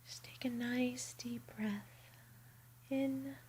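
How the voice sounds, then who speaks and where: A woman whispering softly and soothingly in a bedtime ASMR roleplay. Her voice sits a little high and stays mellow, and she speaks very slowly. A faint hum runs underneath. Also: fairly even intonation.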